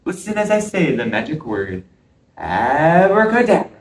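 A man voicing a showy young male squirrel magician, calling out in a drawn-out, booming showman delivery. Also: sing-song. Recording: roomy sound from a distance.

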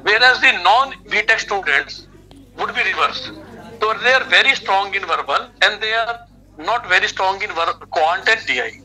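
Indian guy explaining stuff on a phone video call, really bright forceful voice, kinda high, repeats his points. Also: normal speed, low-quality recording. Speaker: expert guest, education adviser. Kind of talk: explanatory interview talk. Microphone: video call on a phone speaker.

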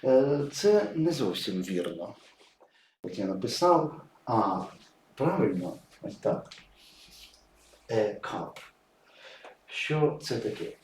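A male teacher explains English spelling and sound step by step, his pitch rising and falling a lot as he leans on each example word. The room is echoey, with a faint hiss behind him. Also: sing-song, slow pace, long pauses, a little mellow. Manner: patient, explanatory, stresses example words. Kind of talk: explaining pronunciation at a whiteboard.

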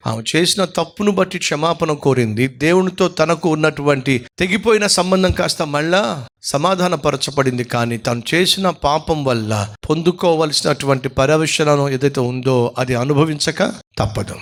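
Higher-voiced pastor preaching a sermon. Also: male voice, moderate pace, fairly bright tone. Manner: storytelling with rhetorical questions.

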